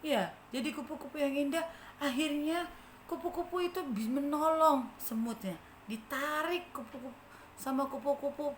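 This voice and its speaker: A woman's voice: sits high, normal speed. A woman with an Indonesian accent telling a children's story in church, often asking the children questions. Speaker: Sunday school teacher. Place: church hall. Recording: echoey church hall, faint noise.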